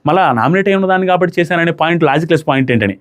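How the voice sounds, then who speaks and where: A young man giving a casual, animated review of a reality show, acting out quotes as he retells events. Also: fairly high pitch, rapid-fire. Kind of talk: casual commentary.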